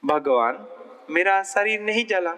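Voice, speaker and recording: A monk voicing a gentle forgiving devout young woman. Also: sits high, animated, takes it slowly, voice pushed up, heavily acted. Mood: earnest.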